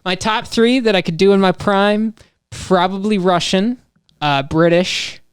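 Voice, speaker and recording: A man's voice: sits high, a little slow, clear, resonant tone, no echo, studio quality. A nineteen-year-old man from Wisconsin, a podcast guest who thinks aloud in a casual, rambling way with trailing asides.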